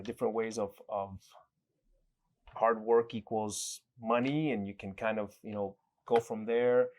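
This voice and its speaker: A man from El Salvador, appearing as an interview guest, tells his story reflectively, often restarting and using fillers. His voice is fairly low in pitch with a darkish tone, and the exchange is conversational.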